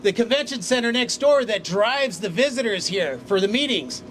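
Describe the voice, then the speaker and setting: Plain-spoken union VP rallying outdoors; higher male voice. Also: animated, moderate pace, fairly bright tone, a little hiss or hum. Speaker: union vice president. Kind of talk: rally speech. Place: outdoors by hotels and convention center.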